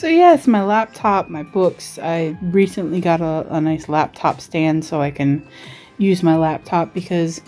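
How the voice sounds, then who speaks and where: A woman's voice: fairly low pitch, darkish tone. A woman from Australia giving a casual, chatty show-and-tell as a vlogger, rambling in a giggly, self-deprecating way. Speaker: vlogger and writer giving a desk tour.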